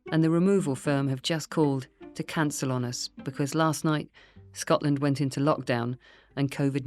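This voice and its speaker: A woman reading her own memoir in the first person, in a quiet, earnest, reflective way. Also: sits low, dry recording. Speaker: memoir narrator.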